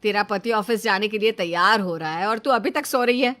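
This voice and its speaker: A woman voicing a bossy older mother-in-law in a cartoon story, taunting and sharp. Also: mid-range voice, a little fast, lightly acted. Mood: scolding.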